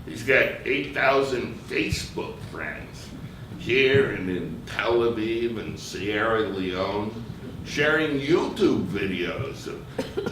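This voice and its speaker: A man's voice: mid-range voice, far from the mic, background noise. An older man performing a wry, reflective comic monologue on a theater stage, recorded from afar in an echoey theater.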